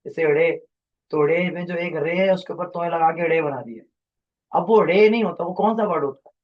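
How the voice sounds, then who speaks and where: A man's voice: on the high side, normal speed, highs cut off. A man teaching a class, lecturing in a rambling, explanatory way and quizzing his students.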